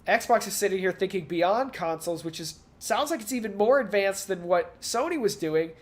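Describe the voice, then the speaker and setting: With a high-pitched, expressive voice at a moderate pace, a man co-hosts a laid-back show about video games. He analyzes in a rambling, think-out-loud way, now and then putting on mock quotes.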